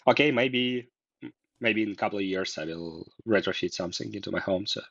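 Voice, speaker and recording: A man's voice: lowish voice, fairly quick, gravelly, a bit bright. A man from Russia, a guest in a casual interview, talking hesitantly with many fillers and restarts. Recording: dull lo-fi sound.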